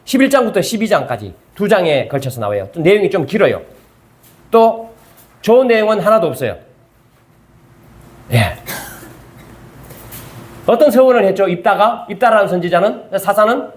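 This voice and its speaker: A man's voice: high voice, sing-song, normal speed, long pauses. An older man, a pastor with a Gyeongsang accent, teaching a Bible study sermon at church and constantly checking in with his listeners through rhetorical questions. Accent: Gyeongsang Korean. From Gyeongsang region, South Korea. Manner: keeps prodding listeners with rhetorical check-ins.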